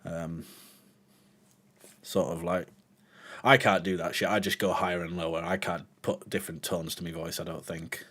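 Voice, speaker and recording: A man's voice: low-pitched, level tone, normal speed, pauses often, a bit bright. A man hosting a reaction video, talking casually and emotionally, sighing, swearing and searching for words.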